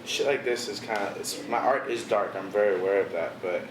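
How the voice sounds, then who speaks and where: The voice is on the low side and brisk: a young visual artist from around Washington DC, casually chatting as an interview guest. He's laid-back and keeps saying "bro" and "you know," and the echoey room carries noticeable background noise.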